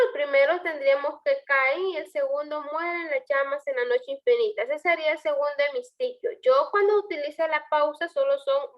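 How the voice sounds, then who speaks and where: A woman's voice: high-pitched, highs cut off. A woman teaching a poetry lesson, explaining step by step and asking her students questions. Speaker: language teacher. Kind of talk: online class lecture.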